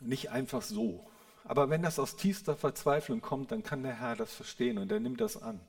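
A man preaching a sermon in an earnest way, moving between quiet, reverent passages and loud, fervent ones, often checking in with the listeners. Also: on the high side, very animated, normal speed, gravelly. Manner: addresses listeners with a questioning "Ja?".

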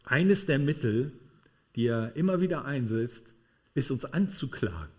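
A man's voice: medium pitch, animated, unhurried. A man preaching a sermon to a congregation in a room, emphatic and checking in with tag questions.

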